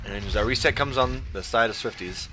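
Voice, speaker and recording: A man giving casual, profane play-by-play of a video game match, full of ums and uhs, with sudden bursts of excitement. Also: on the low side, fairly quick, slight background noise. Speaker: esports caster.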